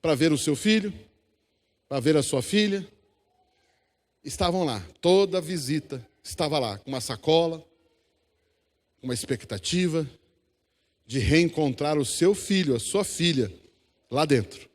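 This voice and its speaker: Brazilian pastor guy, high voice, preaching in a big echoey church, gets the crowd to answer back. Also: lively intonation, unhurried, long pauses. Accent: Brazilian Portuguese. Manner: exhorting congregation, call-and-response. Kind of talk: sermon. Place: church hall. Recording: long church hall reverb.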